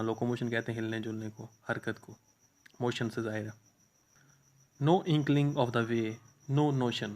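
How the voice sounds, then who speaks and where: A male English teacher with a Pakistani accent explains a poem to a class, reading each English line slowly and then explaining it in Urdu. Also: medium pitch.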